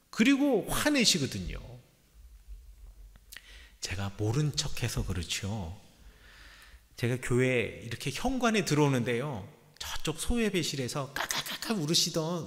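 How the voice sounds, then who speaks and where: A male pastor preaching a Sunday sermon earnestly, rising to emphatic peaks and dropping to soft, low endings. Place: church sanctuary. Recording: church sanctuary with long reverb.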